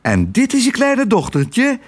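Man doing a super high squealy auntie, all excited, drawn out, storybook. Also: measured pace, heavily acted. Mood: gushing. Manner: exclaiming, gushing. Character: excitable, gushing middle-aged aunt.

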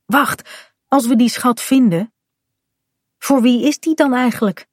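A woman voicing a lively, bold little pirate girl in a children's storybook, eager and bright. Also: on the high side, a little slow, no echo, clean studio sound, pitched above the performer's own voice. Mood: excited.

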